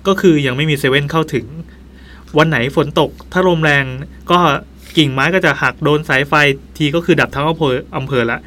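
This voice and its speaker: A man's voice: a little high, fairly quick, fairly bright tone. A man hosting a podcast, reading a listener's ghost story aloud in a playful way and adding his own joking asides. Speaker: podcast host.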